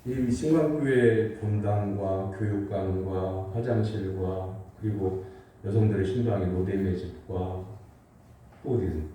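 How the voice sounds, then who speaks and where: Pastor, male, preaching in a mask, low mellow voice, sermon style with questions to the flock, recorded far off in a roomy church. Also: takes it slowly, a little hiss or hum. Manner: storytelling preacher with rhetorical questions to the congregation. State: speaking through a face mask. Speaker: senior pastor. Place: large church sanctuary. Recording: echoey hall, from a distance.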